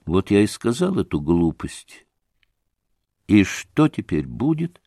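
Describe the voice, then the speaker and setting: A man voicing a shy ashamed young man, low, soft, dry close sound. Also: sing-song, slow, dry recording, full character voice. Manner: quiet, contrite.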